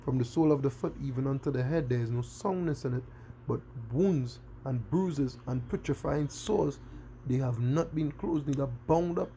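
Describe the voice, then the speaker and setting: Male street preacher, gravelly fry, keeps asking "you understand?". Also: medium pitch, mellow, a little hiss or hum. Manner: repeats "you understand?" constantly. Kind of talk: scripture-quoting sermon.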